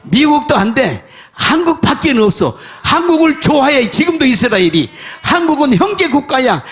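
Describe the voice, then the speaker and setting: An older man preaching a sermon, his voice sitting unusually high for a man. He tells homely stories from the pulpit, sinking to quiet asides and then breaking into loud shouts. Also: big pitch swings, normal speed. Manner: folksy storytelling preacher, swings from soft mutters to shouts. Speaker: pastor.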